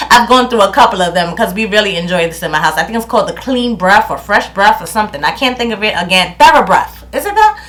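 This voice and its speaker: Reviewing a product from home, a thirtysomething beauty vlogger with a New York accent keeps things chatty and casual. Her medium-pitched voice is sing-song, brisk and a bit bright, broken up by frequent laughter and restarts when she loses her words.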